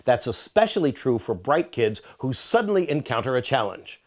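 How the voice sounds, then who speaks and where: A man's voice: medium pitch, very animated, normal speed. A man narrating an educational parenting quiz, reading multiple-choice questions with playful emphasis. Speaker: author and narrator.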